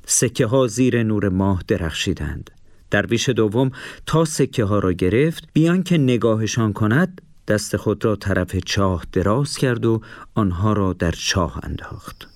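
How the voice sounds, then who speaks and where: A man narrating a children's story in an expressive storytelling manner. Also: lowish voice, dry recording, clean studio sound.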